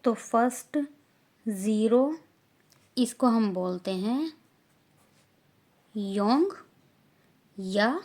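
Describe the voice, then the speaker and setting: A woman from India with an Indian accent, teaching a beginner language lesson, saying each word slowly and loudly and repeating it. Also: a little high.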